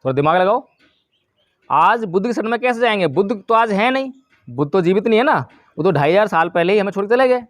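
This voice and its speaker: High-voiced man giving a Dharma talk. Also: animated, quick pace, no room sound. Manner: explanatory, asks the audience questions. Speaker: Buddhist teacher.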